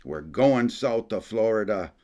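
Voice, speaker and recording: A man's voice: fairly low pitch, lively intonation, a little slow, mellow, highs cut off. A man doing an eager Acadian French woodsman. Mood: eager, emphatic. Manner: broken English, eager and emphatic.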